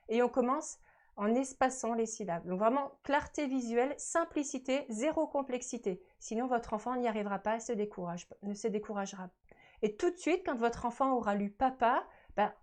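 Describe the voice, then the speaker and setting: A woman's voice: on the high side, a little mellow. A woman presenting an instructional webinar, patiently explaining and repeating her key points to parents. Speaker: webinar presenter on early reading.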